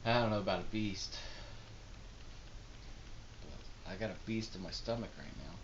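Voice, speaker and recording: A man with a fairly deep voice chats to the camera as his mouth burns from spicy food. He rambles and pokes fun at himself through a runny nose. The home recording is dull, with slight noise behind him. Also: moderate pace. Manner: rambling, self-deprecating. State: mouth burning from hot pepper, runny nose. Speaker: challenge host. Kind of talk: casual talk to camera during a pepper challenge. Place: indoors at home.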